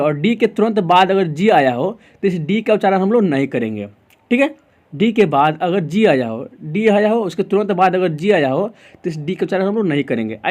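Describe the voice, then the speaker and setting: An Indian man who teaches English pronunciation explains a lesson in Hindi, speaking in a high voice with a darkish tone and an Indian English accent. He repeats rules and poses questions to the class, then answers them himself.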